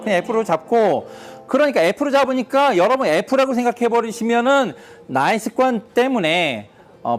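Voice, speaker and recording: A man teaching a guitar lesson, explaining step by step, asking the class questions and counting beats aloud. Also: high voice.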